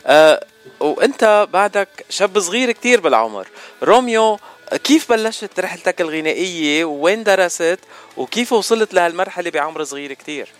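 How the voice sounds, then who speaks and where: A man's voice: high-pitched, animated, fairly quick, a bit bright, faint music behind. An effusive man with a Lebanese Arabic accent, interviewing a guest casually as a radio host. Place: radio show.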